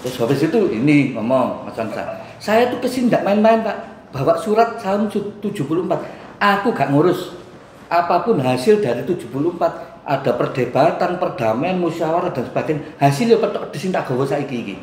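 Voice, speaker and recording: A man's voice: fairly high pitch, animated, fairly quick, darkish tone. A middle-aged man with an East Javanese accent recounts a neighborhood dispute to a mediator, acting out the quoted arguments. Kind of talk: animated retelling to a mediator. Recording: echoey room with faint background hum.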